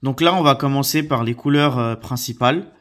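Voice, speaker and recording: A man teaching vocabulary from slides, hesitant with many fillers, repeating words slowly and carefully. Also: medium pitch, a bit bright. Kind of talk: slide-based vocabulary lesson.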